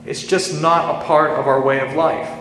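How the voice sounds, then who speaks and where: A man, preaching a sermon in a folksy storytelling way and slowing down on scripture quotes. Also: fairly high pitch, steady tone, fairly bright tone. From western Pennsylvania, US. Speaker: pastor. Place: large reverberant church. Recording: echoey church hall, faint hum.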